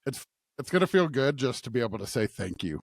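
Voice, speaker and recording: This pastor and podcast co-host, a middle-aged American in a church studio, speaks fast with big pitch swings and vocal fry in a medium range. His unscripted chat is casual, rambling and self-deprecating, and the recording is dry.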